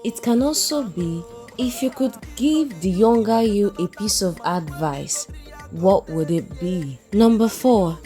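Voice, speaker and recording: A woman presenting scripted instructional tips as a narrator, in a deliberate, clearly enunciated manner. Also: mid-range voice, lively intonation, mellow. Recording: music playing behind the voice. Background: background music.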